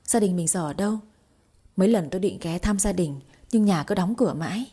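A woman's voice: on the low side, animated, a little fast, dark tone, husky. A woman voicing a humble, polite older former maid in a storybook reading.

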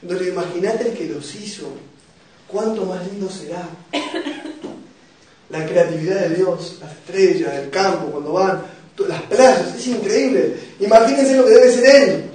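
Speaking quickly in a high-pitched but darkish voice, this young Argentine man with a Rioplatense accent addresses a youth group. His sermon mixes humor, heartfelt personal anecdotes and questions for listeners. Slight background noise is present, and the mic catches him from afar in a heavily reverberant room.

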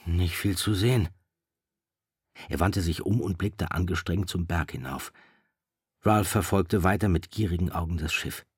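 A man narrating a novel in a measured, steady storytelling voice. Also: low-pitched, husky, dry recording, clean studio sound.

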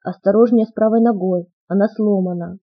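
A composed doctor speaks in an even, measured way and gives orders without haste, as a woman reads him. The voice is soft and a little husky, on a dull, dry recording. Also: medium pitch, dry recording. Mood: calm. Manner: calm, measured, commanding. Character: calm composed male doctor, older.

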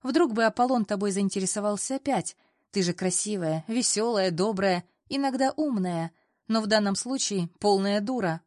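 A woman's voice: mid-range voice, normal speed, darkish tone, no room sound, clean studio sound, lightly acted. Woman voicing a blunt, bossy girlfriend. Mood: scolding. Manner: teasing, scolding. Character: brash blunt young woman friend.

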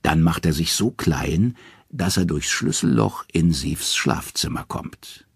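A male audiobook narrator telling a myth with dramatic expression. His voice is very deep and strongly husky, and the recording is close and dry. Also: expressive, slow pace, dry recording. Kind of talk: scripted storytelling narration.

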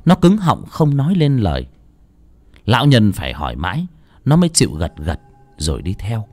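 A man narrating a story, with a dramatic, expressive reading. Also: lowish voice, normal speed, no echo. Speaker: audiobook narrator.

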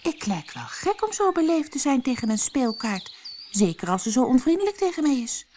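A woman's voice: sits high, sing-song, normal speed, a little mellow, a little hiss or hum, voice pushed up. A woman voicing Alice, a polite, well-mannered young girl in a storybook. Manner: polite and reassuring.

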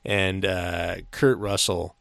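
A man's voice: low voice, fairly even intonation, slow, vocal fry, a bit bright, no echo, clean studio sound. A man co-hosting a casual film chat, blunt and opinionated, with some swearing. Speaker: podcast co-host.

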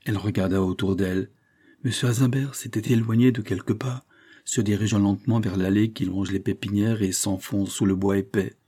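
A man giving a steady, literary narration of a novel as an audiobook reader. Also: on the low side, fairly quick, husky.

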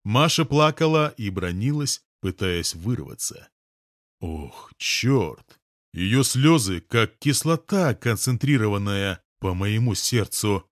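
Low-voiced male audiobook narrator. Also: big pitch swings, slow pace, no echo, clean studio sound. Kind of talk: first-person novel narration.

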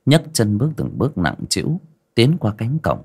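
A man narrates a rural ghost story on a livestream, his low voice gravelly with fry. His pitch rises and falls a lot as he leans into the tale, with hesitant restarts and repeated words along the way. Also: huge pitch swings, moderate pace, darkish tone.

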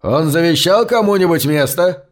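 A gruff, bored policeman, played by a male narrator, barking short commands. The voice is raised and drawn out. It belongs to an audiobook crowd scene. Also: fairly high pitch, expressive, moderate pace, voice pushed up, lightly acted. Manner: barking orders.

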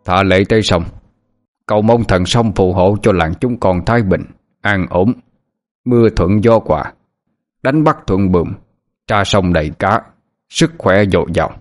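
A man's voice: sits low, lively intonation, unhurried, long pauses. A man voicing a stern old village elder. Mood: solemn. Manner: commanding, grave. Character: elderly village grandfather, stern ritual master.

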